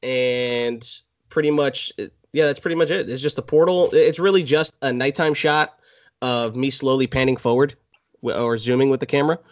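A man talking as a podcast guest, relaxed and rambling with lots of fillers. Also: medium pitch, normal speed. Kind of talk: casual podcast chat. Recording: slightly dull lo-fi sound.

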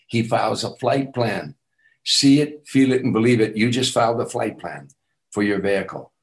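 An older man who is an author and teacher appears as an interview guest, giving an earnest motivational talk at normal speed. His voice is fairly low, the recording is low quality, and he repeats affirmations with emphatic lifts on key phrases.

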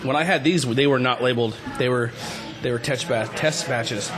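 A hungover man hosting a casual tasting chat, struggling with spicy heat and repeating his phrases in a halting, jokey way. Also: mid-range voice, crowd noise. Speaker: show host. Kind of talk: casual chat while tasting hot sauces. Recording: loud music behind the talk. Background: music.

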